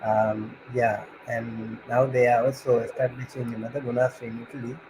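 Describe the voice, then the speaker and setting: A man's voice: medium pitch, little pitch movement, fairly quick. A man hosting an online Buddhist session, speaking unscripted and courteously, with very frequent hesitations. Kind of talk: unscripted, courteous closing remarks. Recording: hissy, clearly noisy background.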